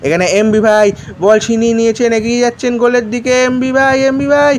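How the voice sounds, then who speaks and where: A man commentates on football in a very high voice with frantic excitement. His play-by-play swings from rushed calls to long shouted exclamations, with faint noise behind him.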